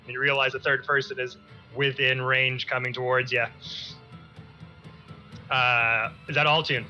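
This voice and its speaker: A man narrating a tabletop game as game master, laughing often and animated. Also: medium pitch, measured pace, lo-fi sound, faint music behind.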